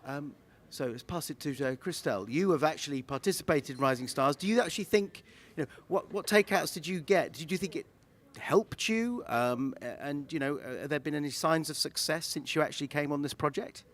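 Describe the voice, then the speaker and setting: A man's voice: fairly high pitch, brisk, fairly bright tone. Man hosting a festival panel interview. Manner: hesitant, many fillers and restarts. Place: festival venue.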